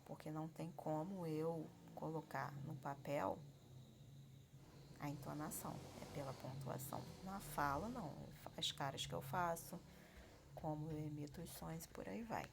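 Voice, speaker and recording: A woman teacher with a lowish, gravelly voice walks through a grammar lesson. She explains patiently and keeps checking that her students are following. A faint hiss of noise sits behind her. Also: a little slow. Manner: explanatory, frequent check-ins.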